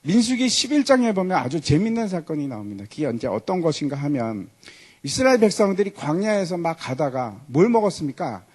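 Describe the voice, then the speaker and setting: A male pastor preaching a sermon, telling a story and putting questions to his listeners. His voice is high and husky, with a wide, lively pitch that climbs and drops. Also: a little fast. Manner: storytelling, asks the congregation questions.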